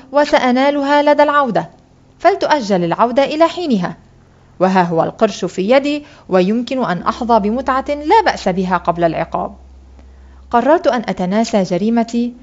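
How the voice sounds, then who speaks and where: Woman reader, literary story narration, measured and expressive, mid pitch, dull lo-fi sound. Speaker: audiobook reader.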